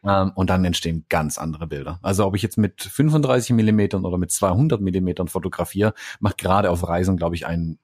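A man's voice: low-pitched, quick pace, hardly any pauses, darkish tone. A man in a casual talk, explaining photography tips in a thoughtful way. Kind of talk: casual conversation about photography.

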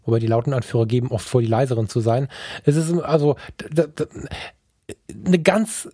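A man co-hosting a podcast, talking casually and colloquially, lively and sometimes stammering. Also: medium pitch, brisk, no room sound, studio quality. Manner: energetic, colloquial, stammers at times. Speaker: podcast co-host and photographer.

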